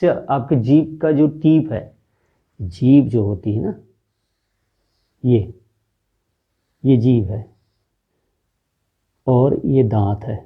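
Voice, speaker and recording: A man teaching a pronunciation lesson, patiently sounding out consonants one by one and asking the viewer where each sound comes from. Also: mid-range voice. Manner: patient, demonstrative, repeating sounds slowly and quizzing the viewer. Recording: dull lo-fi recording.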